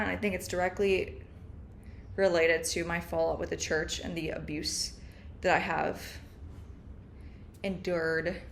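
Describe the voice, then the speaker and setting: This young woman keeps a video journal, talking in a rambling, chatty, self-aware way through her laptop's built-in microphone at home. She has a lowish, gravelly voice, with slight noise in the background.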